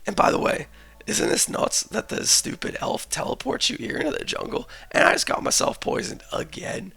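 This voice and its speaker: A young man with a hoarse, raspy voice, casually narrating his gameplay as a channel host. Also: high voice, big pitch swings, moderate pace, pushed and bright. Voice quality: raspy, gravelly. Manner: casual, chatty, jokey asides. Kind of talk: game commentary voice-over.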